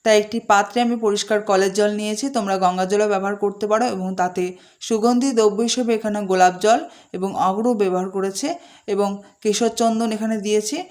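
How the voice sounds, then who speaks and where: A woman calmly guiding a home worship ritual step by step, slowing to chant short Sanskrit-style mantras between her instructions. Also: mid-range voice. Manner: calm, measured, slows down to chant mantras. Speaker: puja instructor.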